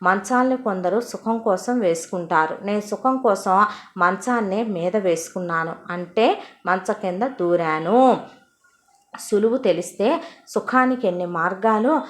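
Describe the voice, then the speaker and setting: A woman's voice: mid-range voice, a little slow, lightly acted. A woman voicing a rambling, half-mad elderly father who speaks in philosophical wordplay, for an audio story. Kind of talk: Telugu audio story acting.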